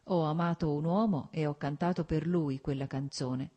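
A woman reading an audiobook voices a calm, gentle young woman who speaks plainly and mildly. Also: sits low, moderate pace.

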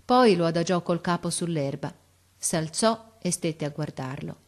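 A woman narrating a classic story in a measured, expressive reading voice. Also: fairly low pitch.

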